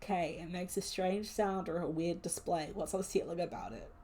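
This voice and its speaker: A woman's voice: on the low side, fairly even intonation, normal speed, mellow. A young woman streaming a solo tabletop game, reading prompt lists aloud and musing at length with many fillers.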